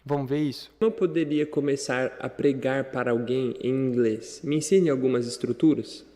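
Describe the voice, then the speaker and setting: A man's voice: medium pitch, steady tone, moderate pace, dark tone, long reverb tail. A man with a Brazilian Portuguese accent teaching an English lesson in a direct, chatty way, talking straight to the viewer. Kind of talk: casual online lesson.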